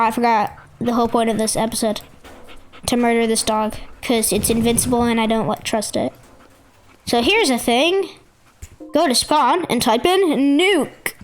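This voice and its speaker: A woman with a fairly high voice talks over her gameplay, jumpy and excitable, and she often yells at what happens on screen. A lot of game noise sits under her voice. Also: poor audio. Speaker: gaming video creator. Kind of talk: gameplay commentary.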